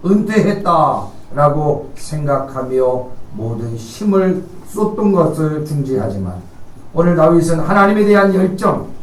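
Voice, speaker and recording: A male pastor preaches in earnest, his high voice building to emphatic peaks. The sound is roomy and echoing, caught from some way off the mic in a church sanctuary. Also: distant mic. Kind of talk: sermon.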